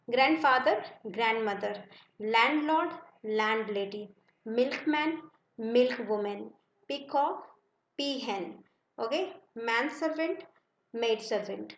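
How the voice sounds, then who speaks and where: A woman's voice: fairly high pitch, roomy sound, muffled recording, slight background noise. A woman with an Indian accent teaching an English grammar lesson, reading word pairs aloud and checking that students follow. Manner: reads word pairs aloud, checks understanding with short asides. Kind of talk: classroom lesson explaining word lists.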